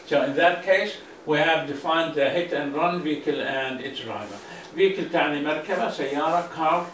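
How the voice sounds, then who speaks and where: A man teaching a bilingual grammar lesson. He says each English phrase slowly and more than once, then explains it in quicker Arabic with drawn-out fillers and restarts. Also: fairly high pitch, a bit bright. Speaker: language teacher. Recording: roomy, from a distance, faint hum.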